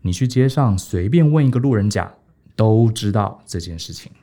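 A man voicing a calm, clever male minister who argues his case in a composed, persuasive way. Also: fairly low pitch, moderate pace.

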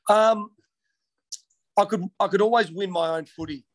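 This Australian interviewee is a man in his thirties from Western Australia who used to play football. He has a high voice and speaks at normal speed, answering questions casually with lots of ums and false starts, on a rough recording.

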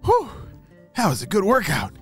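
An eager young boy spy, pitched high and bursting with excitement, as a man puts him on. The voice leaps up and down wildly. Faint music plays underneath. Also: moderate pace. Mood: excited. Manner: eager, breathless exclamations.

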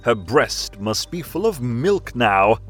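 A narrator voicing an obese, cruel male general who speaks in a slow, smug, leering way. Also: medium pitch, sing-song, a bit bright, faint music behind, voice pushed up.

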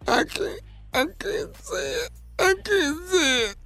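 A man's voice: extremely high pitch, big pitch swings, slow, sharp tone, dry recording, pitched above the performer's own voice, heavily acted. A man putting on a panicked caller who whispers from a closet and begs not to call the police. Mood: frantic whisper. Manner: frantic whispering, pleading.

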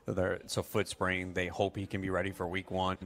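Deep-voiced man analyzing fantasy football. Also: monotone, a little fast, fairly bright tone. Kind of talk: casual sports chat.

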